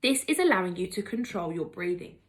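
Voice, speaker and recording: A woman's voice: lowish voice, animated, a little fast. Upbeat young woman teaching drama. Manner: upbeat, encouraging, explains step by step. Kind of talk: online drama lesson.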